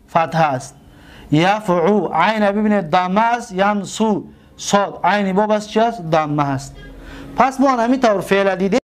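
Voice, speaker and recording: A male teacher with a Tajik accent gives a grammar lesson, repeating words slowly and asking questions that he answers himself. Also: high voice.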